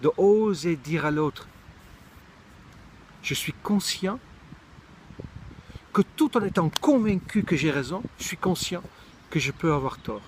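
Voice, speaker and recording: A man's voice: fairly high pitch, expressive, slow pace, pauses often, a little hiss or hum. A middle-aged man from Israel giving a reflective monologue, thoughtful and searching for words, often restarting his sentences. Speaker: speaker sharing personal reflections.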